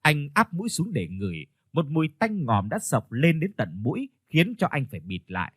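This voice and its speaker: A male storyteller narrating a ghost story in a scripted reading, with soft instrumental music behind him. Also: a little high, wildly swooping pitch, moderate pace, husky, no echo, studio quality. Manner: storytelling, voices the characters.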